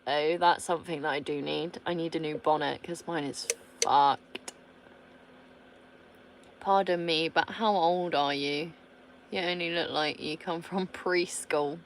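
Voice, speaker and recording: A British woman in her thirties with a voice on the low side and a fairly bright tone chats casually on her vlog. She reads out viewer comments bluntly, swearing freely and laughing often.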